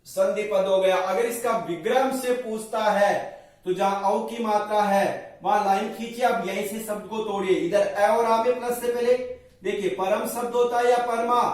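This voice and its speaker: A man teaching Sanskrit grammar for an exam, explaining slowly step by step and repeating set phrases. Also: sits high. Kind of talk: blackboard-style exam prep lesson. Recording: echoey room, voice from far off.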